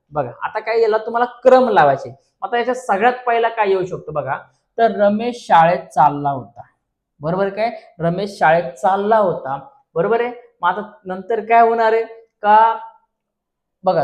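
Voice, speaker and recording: A male teacher with a Marathi accent and a high-sitting voice explains an exam paper step by step. He keeps asking his own questions and answering them, repeating questions back and addressing his listeners as friends.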